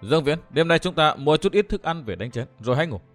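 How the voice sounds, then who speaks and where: A man's voice: on the high side, expressive, fast, faint music behind, natural voice. A man reading a story aloud and voicing a fiery, sulky young woman who scolds sharply and breaks into tears. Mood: stern. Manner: sharp, scolding, tearful outbursts.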